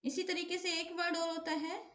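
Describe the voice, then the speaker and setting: A woman's voice: extremely high pitch, level tone, normal speed, fairly bright tone, echoey room. A woman teacher giving a grammar lesson, asking questions and answering them herself, and checking in with the class again and again. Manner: keeps repeating an affirming check-in.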